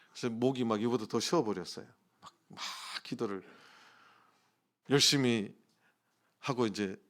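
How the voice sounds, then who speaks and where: A middle-aged man preaching a sermon in a church, telling a personal story in a lively way and acting out the voices in it. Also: mid-range voice. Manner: animated storytelling, acts out quoted voices. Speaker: pastor. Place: church sanctuary.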